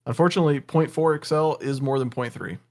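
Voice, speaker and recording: A man giving relaxed, analytical color commentary on a game tournament. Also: medium pitch, fast. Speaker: co-caster analyst.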